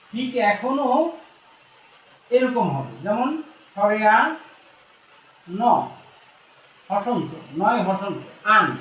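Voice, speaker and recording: A man with a Bangladeshi Bengali accent teaching a Quran reading lesson, patiently repeating and spelling out each letter. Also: extremely high pitch. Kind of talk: slow step-by-step recitation lesson. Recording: very echoey room, distant mic, faint noise.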